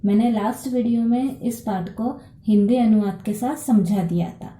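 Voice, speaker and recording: A woman teaching a Sanskrit lesson online, talking slowly, checking understanding often, and reading out number words loudly. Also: mid-range voice, roomy sound. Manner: slow, repeats "ठीक है" to check understanding; reads numbers aloud louder, with English equivalents.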